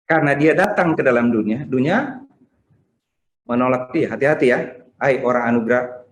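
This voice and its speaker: A man's voice: medium pitch, moderate pace. A man preaching a Sunday sermon, firing off rhetorical questions and acting out the people who question him. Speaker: pastor. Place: church. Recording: roomy church sound over video call.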